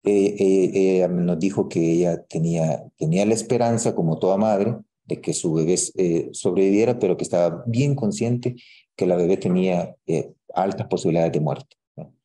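A man with a Salvadoran accent presents a medical case to colleagues in a slow, halting way, leaning on fillers and restarting phrases. His voice sits low, with a very dark, mellow tone. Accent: Salvadoran Spanish. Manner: hesitant, many fillers and restarts. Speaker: physician presenting a clinical case.

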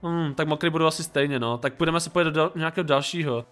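A young Czech man commentating a Minecraft game, jumpy and quick to panic. His voice sits a little high and sounds bright and forceful, and faint music plays underneath. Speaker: gaming YouTuber. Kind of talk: Minecraft role-play and let's play.

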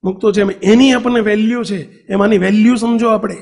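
High-voiced Gujarati man preaching. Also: fairly even intonation, fairly quick, darkish tone. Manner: storytelling, asks the audience questions. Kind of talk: devotional sermon.

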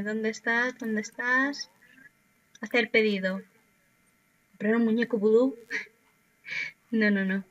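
Spanish woman playing a sims-style game, slow and bright, talks to her sims, kinda muffled. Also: on the high side. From Spain. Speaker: gaming YouTuber. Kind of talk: casual gameplay commentary. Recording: dull lo-fi sound.

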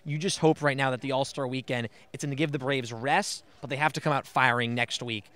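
A young man recapping a baseball game as an analyst, outdoors on a field with a handheld mic, running quickly through stats. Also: mid-range voice, steady tone, a bit bright. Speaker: sports analyst. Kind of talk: postgame recap.

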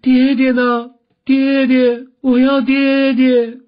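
A man voicing a grief-stricken teenage girl who wails loudly. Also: extremely high pitch, completely flat delivery, slow pace, smooth, faint music behind, pitched above the performer's own voice. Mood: wailing. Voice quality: wailing. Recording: dull lo-fi audiobook recording.

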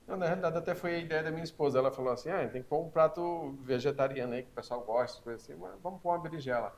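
Fast-talking middle-aged restaurant owner. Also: male voice, on the high side, a little hiss or hum. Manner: friendly, promotional. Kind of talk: interview answers. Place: small restaurant bar, indoors.

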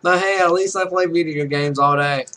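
A Let's Play streamer in his twenties reads game text aloud from a small room at home, adding casual, joking, self-mocking commentary. His voice is on the high side, bright and forceful, with fairly even intonation and a moderate pace.

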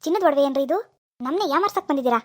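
A woman's voice: high voice, lively intonation, very fast. A woman voicing an irritable male pawnbroker in a cartoon, scolding and impatient. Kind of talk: animated cartoon dialogue.

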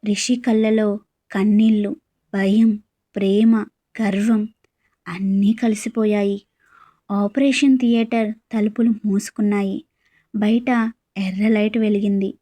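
A woman narrating an audio story with a slow, measured reading. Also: medium pitch, flat delivery, warm tone.

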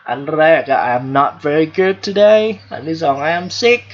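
A man's voice: on the high side, big pitch swings, takes it slowly, lo-fi sound. A man from Thailand giving a casual livestream English lesson, joking asides to his viewers. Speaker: English teacher.

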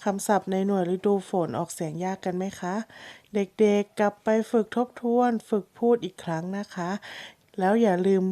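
A woman teacher wrapping up a lesson for children, speaking gently and politely to young pupils. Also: medium pitch, normal speed.

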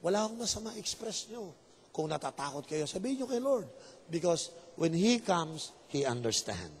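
A male pastor preaching a sermon, swinging between shouts and soft, low passages. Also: moderate pace, slightly rough. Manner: animated, shifts between shouting and soft, lowered voice, mixes English into his talk. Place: church sanctuary. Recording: long reverb of a large hall.

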